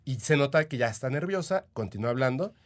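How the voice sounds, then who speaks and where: A man's voice: mid-range voice, expressive, fast. Chatty Mexican man telling stories. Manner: chatty, eager, full of "o sea" and "este" fillers. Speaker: podcast guest, paranormal podcaster. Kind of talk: casual storytelling.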